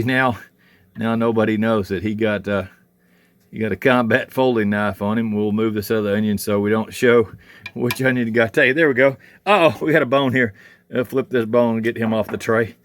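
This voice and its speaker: A man's voice: fairly low pitch, moderate pace. A man hosting a casual cooking vlog at an outdoor cook shack, talking in a folksy, chatty way and thinking aloud as he works while holding the camera himself. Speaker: home cook and channel host. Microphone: handheld camera.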